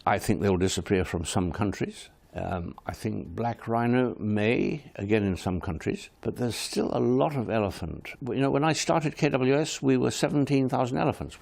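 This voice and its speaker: A gravelly-voiced Kenyan man, a native Swahili speaker, answers questions as a studio interview guest and head of a wildlife service. His medium-pitched, somewhat dark voice is expressive, and he speaks in frank, firm, measured statements.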